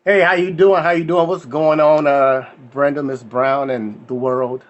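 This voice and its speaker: A young adult man performing a stand-up set, telling loose conversational stories and doing quick voices for the people in them. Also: fairly high pitch, flat delivery, muffled recording, very noisy. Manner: storytelling with voices for friends and family, loose and conversational. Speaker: stand-up comedian.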